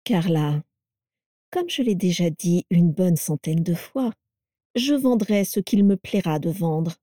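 A woman's voice: fairly low pitch, expressive, slow, dry recording, clean studio sound. Woman reading as a placid, self-assured old mother. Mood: breezy. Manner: placid, breezy, gently mocking. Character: cheerful, self-assured elderly mother who keeps strange animals.

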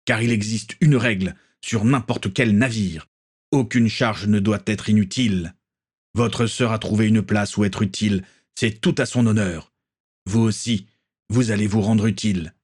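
Man reading as a steady, commanding ship captain. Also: fairly low pitch, breathy edge. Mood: stern. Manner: measured, commanding. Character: stern, calm male ship captain.

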